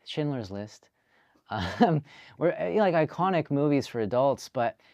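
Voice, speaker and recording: A man from Canada, a filmmaker telling his story in a relaxed, chatty interview. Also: a little high, moderate pace, creaky, no room sound. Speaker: guest filmmaker. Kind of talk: casual interview.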